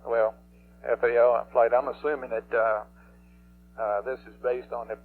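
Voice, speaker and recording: A man's voice: medium pitch, level tone, normal speed. Flight director, man on tinny radio loop. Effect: mission control radio loop. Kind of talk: operational radio loop talk, questioning and directing.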